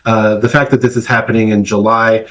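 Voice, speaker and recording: A middle-aged man, a political science professor, answering questions in a news interview in a measured academic way, pausing often on "uh" and "um". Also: on the low side, level tone, fairly bright tone, low-quality recording. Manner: measured, academic, many "uh" and "um" fillers.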